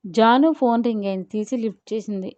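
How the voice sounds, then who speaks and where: A woman storyteller reading a romance audio story in a measured, expressive way. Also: a little high, dry recording. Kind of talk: scripted story narration. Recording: dull, slightly lo-fi, dry.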